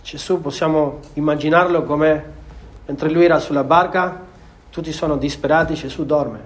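A man's voice: on the high side, fairly even intonation, moderate pace. A man preaching a sermon to a congregation in an earnest manner, often repeating phrases for emphasis.

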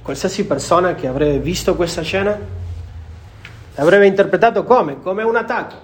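A man's voice: sits high, moderate pace, slight background noise. A man preaching a sermon to a congregation in an earnest manner, often repeating phrases for emphasis.

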